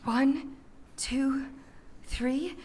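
Woman plays a playful giggling young girl, high lilting voice, unhurried. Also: darkish tone. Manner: giggly, playful, sing-song.

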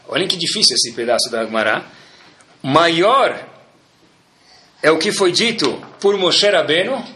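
A man giving a religious talk, telling a story with lively energy and Hebrew prayer terms. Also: on the high side, reverberant.

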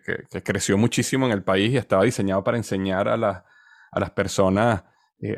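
Answering an interview question, a Venezuelan man in his forties recounts his story as a podcast guest. He speaks conversationally but haltingly, repeating words as he hunts for the right ones. His fairly low voice comes through studio quality, free of echo.

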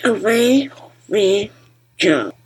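A woman with a husky, breathy voice, hosting and interviewing on a podcast. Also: mid-range voice, big pitch swings, extremely slow, a little hiss or hum. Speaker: podcast host.

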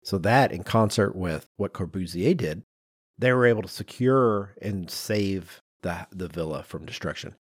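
Deep and husky, this man speaks at a moderate pace, recorded dry with clean studio sound. As a podcast co-host he tells animated stories in casual chat, emphatic and self-deprecating in a conversational way.

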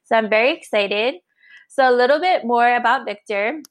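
A woman's voice: a little high, normal speed. A woman from Hawaii hosting a podcast, chatting in a friendly, casual way with fillers. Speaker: podcast host.

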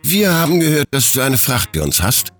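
A steady, wry smuggler captain, a woman who talks business in a raised, even tone, as a man reads her. Her delivery swings in lively curves while staying diplomatic. She belongs to an audiobook space adventure. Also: soft background music. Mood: businesslike. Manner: raised pitch, measured and diplomatic.

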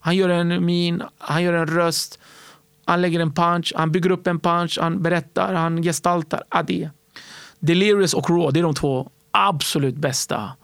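Guy telling stories in an interview, gravelly and a bit high, acts out voices, dry close sound. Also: no room sound. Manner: animated, acts out other people's voices. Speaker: stand-up comedy entrepreneur and guest. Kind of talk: casual interview storytelling.

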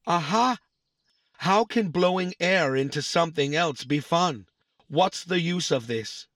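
A man's voice: fairly high pitch, expressive, unhurried, fairly bright tone, dry recording. A man voicing a literal-minded young boy robot in a family audio drama, stating times down to the millisecond. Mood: puzzled. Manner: pedantic, counts exact milliseconds.

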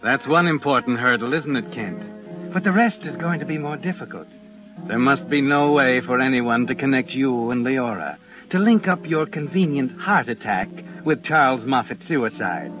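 A man narrating a 1940s radio drama in the second person, measured and suspenseful. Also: mid-range voice, expressive, natural voice. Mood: steady. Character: grave male narrator guiding the hero. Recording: lo-fi old radio recording with music.

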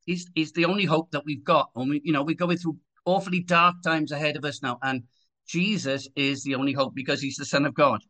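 A man in his sixties with a Swansea Welsh accent speaks as a guest in a conversational interview. His voice sits a little high for a man and has a clearly bright, forward edge. He talks in a personal, testimonial style. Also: steady tone, a little fast. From Swansea, Wales. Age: 60s.

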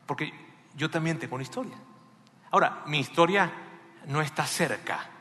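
Pastor, bright forceful voice, dramatic sermon delivery, echoey hall. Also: male voice, fairly high pitch, normal speed. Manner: passionate, dramatic swings in loudness.

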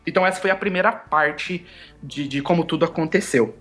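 A young man, telling his story as a guest in an animated, casual way, acting out quoted dialogue. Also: a little high, brisk, soft background music. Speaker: podcast guest.

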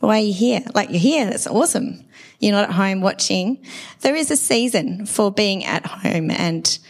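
A middle-aged woman preacher delivers a conversational sermon at a church service, putting questions to the congregation. Her medium-pitched voice is dry and hoarse after laryngitis, though animated and moderately paced.

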